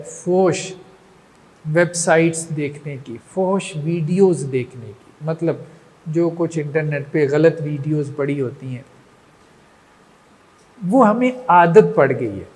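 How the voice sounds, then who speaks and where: A man's voice: high voice, darkish tone. A man giving a religious lecture, who keeps asking rhetorical questions and checking that his listeners follow. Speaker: religious teacher. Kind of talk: lecture on moral training. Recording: long reverb.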